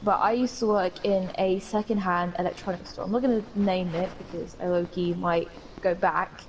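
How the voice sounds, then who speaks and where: A woman's voice: fairly low pitch, steady tone, moderate pace, highs cut off, a little hiss or hum. A young woman from the UK with a British accent, co-hosting a podcast and telling rambling stories in casual chat with some swearing. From United Kingdom. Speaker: podcast co-host.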